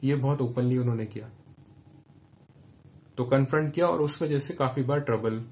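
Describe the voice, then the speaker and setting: A man's voice: mid-range voice, moderate pace, a little mellow. A man giving an earnest motivational talk, explaining with everyday examples as a leadership coach.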